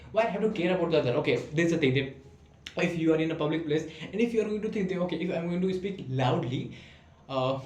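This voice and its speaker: A man's voice: on the high side, a little mellow, echoey room. A man, not a native English speaker, recording himself at home and talking to the camera, hesitant, with many fillers and restarts. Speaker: vlogger practicing speaking. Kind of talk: casual self-recorded monologue. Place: room at home. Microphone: camera in front of him.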